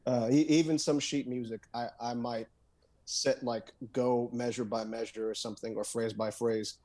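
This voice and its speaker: A man's voice: mid-range voice, fairly even intonation, normal speed, darkish tone. A man guesting on a podcast, talking in a loose, rambling way with lots of fillers, restarts and "dude". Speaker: guest guitarist and songwriter. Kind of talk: casual podcast conversation.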